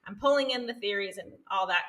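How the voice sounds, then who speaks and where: Bright, animated woman psychologist. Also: mid-range voice, quick pace. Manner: earnest, animated, often ends points with "right?". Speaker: clinical psychologist and author, podcast guest. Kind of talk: conversational interview.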